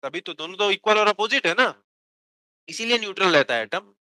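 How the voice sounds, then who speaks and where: Guy teaching physics class, high bright voice, asks q's then answers them himself. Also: lively intonation, no room sound, low-quality recording. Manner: dictates notes slowly word by word. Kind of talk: classroom lecture.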